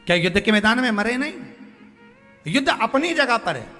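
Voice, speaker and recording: A man's voice: big pitch swings, normal speed, bright, forceful tone. A man giving a devotional sermon, pleading and emotional, rising and falling sharply as he speaks. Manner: pleading, emotional, with big swings in pitch and volume. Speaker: religious preacher. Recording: long reverb of a large hall, faint music behind.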